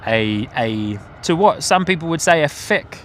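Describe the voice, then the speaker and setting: A man's voice: fairly high pitch, animated, unhurried, a bit bright. Man with English-Kiwi accent, outdoor livestream. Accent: English with a New Zealand twang. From Hertfordshire, England. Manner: chatty, thanks and greets viewers by name. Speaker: plane-spotting livestream host. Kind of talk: casual live commentary and chat to viewers. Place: outdoors on a van-top platform by an airport. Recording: outdoor airport ambience, clear vehicle noise.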